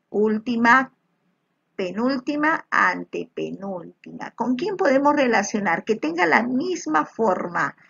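Patient teacher woman, gravelly and husky. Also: on the high side, a bit bright, muffled recording. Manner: patient and encouraging, frequent checking questions; addresses pupils as little children. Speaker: primary school teacher. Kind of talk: recorded online lesson over slides.

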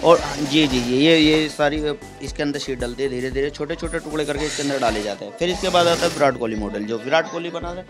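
A man's voice: on the high side, fast, few pauses, music in the background. A man in his thirties, a workshop owner, plainly explaining his work into an interviewer's handheld mic in a courtyard, with repeated polite yes-words. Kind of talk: casual explanation. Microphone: handheld mic held by interviewer.

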